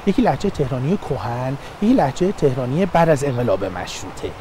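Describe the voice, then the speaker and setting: A man's voice: mid-range voice, very animated, background noise. A man who is a linguist, explaining speech forms with examples in a documentary interview.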